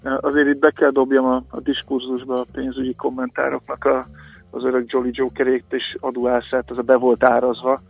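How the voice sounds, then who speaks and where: Gravelly man on a tinny radio line. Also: mid-range voice, monotone. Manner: hesitant, many filler sounds, explanatory. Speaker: financial analyst guest. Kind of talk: radio market commentary. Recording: phone-like radio line with faint music.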